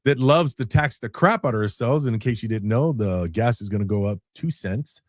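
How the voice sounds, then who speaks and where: A man's voice: medium pitch, lively intonation, fairly quick, no room sound. A middle-aged man from California, co-hosting a podcast in casual, opinionated chat, blunt and profane with a sarcastic streak. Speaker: podcast co-host.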